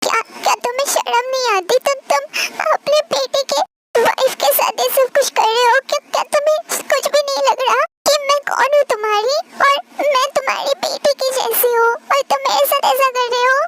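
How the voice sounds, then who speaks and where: A woman's voice: extremely high pitch, moderate pace, noisy background. A woman voicing a defiant but frightened young wife who pleads and protests, in a storybook dub with music behind. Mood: defiant, pleading. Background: background music.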